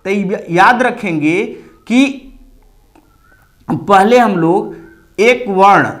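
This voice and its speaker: A man with a very high voice and an eastern Uttar Pradesh accent teaches a classroom Hindi grammar lesson. He talks slowly, explaining step by step. He often asks a question and then answers it himself. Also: fairly bright tone.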